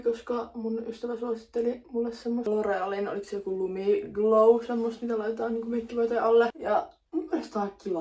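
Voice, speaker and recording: Her voice is a little high yet darkish in tone as this woman in her twenties vlogs from home. She talks to her phone camera in a relaxed, bubbly way, using plenty of fillers.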